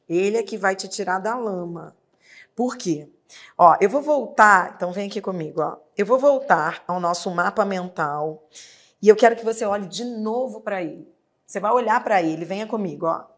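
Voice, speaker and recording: A woman teacher with a Brazilian Portuguese accent, giving a grammar lesson and asking and answering her own questions. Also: medium pitch. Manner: patient, drawn-out explanations, asks and answers her own questions. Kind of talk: exam-prep grammar lesson.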